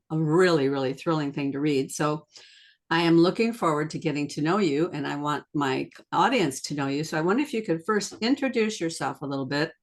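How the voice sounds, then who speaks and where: A woman hosting a conversational interview with a low-pitched voice. She talks in an effusive, enthusiastic way, full of praise and eager questions. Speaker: podcast host.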